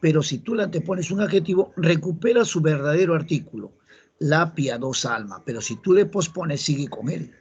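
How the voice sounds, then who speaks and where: In an expressive, fairly high voice with a breathy edge, a Peruvian-accented man teaches entrance-exam grammar at a moderate pace. He explains things patiently, drills the important rules repeatedly, and questions his students.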